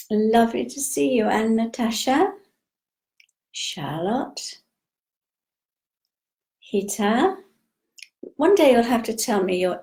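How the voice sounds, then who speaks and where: An older woman hosting a live spiritual session, talking gently and unhurriedly as she greets viewers and explains her topic. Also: medium pitch. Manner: slow, gentle, unhurried, with frequent pauses.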